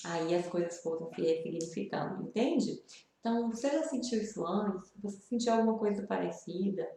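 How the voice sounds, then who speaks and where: A woman's voice: medium pitch, moderate pace, gravelly, dark tone, a little hiss or hum. Brazilian woman vlogger, mid-range voice, earnest and confiding, speaks straight to the viewer, very echoey room. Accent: Brazilian Portuguese. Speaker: video host sharing grief advice. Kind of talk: personal vlog talk to camera.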